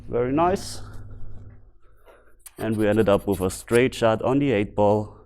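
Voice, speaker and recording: A man from Bavaria with a German accent, a native German speaker giving casual, unscripted instructional commentary as a video host, pausing to find his words. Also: fairly low pitch, darkish tone. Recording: music behind the voice. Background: background music.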